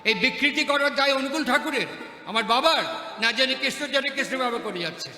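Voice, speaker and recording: A man's voice: very high voice, a little fast, bright, forceful tone. A man giving a sermon at a festival stage, mixing stories with rhetorical questions and repeating his phrases for emphasis. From West Bengal, India. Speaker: religious speaker. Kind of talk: sermon with storytelling. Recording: echoey hall with music behind.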